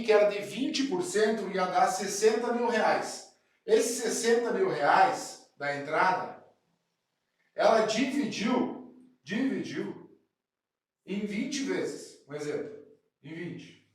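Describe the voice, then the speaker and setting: Talking to camera with a cold, a southern Brazilian man walks fellow brokers through real estate deals in a chatty way, regularly checking that they're following. His voice sits high with lively intonation, and he speaks slowly, leaving long pauses. The recording has heavy echo.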